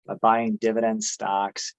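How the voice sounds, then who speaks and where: A man's voice: on the low side, flat delivery, a little slow, gravelly, no echo, low-quality recording. A man co-hosting an investing chat, brash and hyped as he pumps up the viewers. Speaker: co-host of a dividend investing channel. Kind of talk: casual chat.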